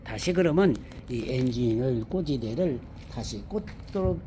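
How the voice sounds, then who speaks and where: A man giving an unscripted hands-on car maintenance demonstration, explaining step by step in a halting, repetitive way. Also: mid-range voice, lively intonation, dark tone. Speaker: presenter of a car maintenance how-to video. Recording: amateur recording with background ambient noise.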